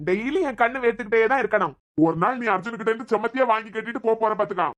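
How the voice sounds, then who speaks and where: A woman's voice: fairly high pitch, racing, natural voice. Woman voicing a cheeky wisecracking cartoon young man. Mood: joking. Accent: Kanyakumari Tamil. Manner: teasing, wisecracking. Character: joking young man, cheeky debt-ridden student. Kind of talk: cartoon web series dialogue.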